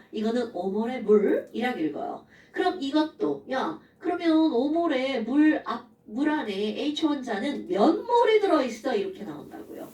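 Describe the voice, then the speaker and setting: A woman teaches chemistry in a high, swooping voice that jumps around as she fires rhetorical questions at her class. Her delivery is playful and animated. The sound is roomy and echoey, picked up from some distance away from the mic. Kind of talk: lively classroom lecture. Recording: echoey room, voice a bit far from mic.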